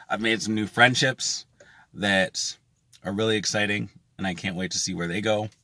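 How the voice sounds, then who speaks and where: A man's voice: on the low side, sharp tone, no room sound. A man speaking casually and earnestly to his viewers as a music festival vlogger, with emphatic phrasing. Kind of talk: casual to-camera vlog.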